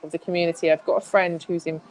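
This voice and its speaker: A woman's voice: on the low side, level tone, quick pace, darkish tone, poor audio. A woman speaking as a guest in a casual interview, chatty, with many restarts and fillers.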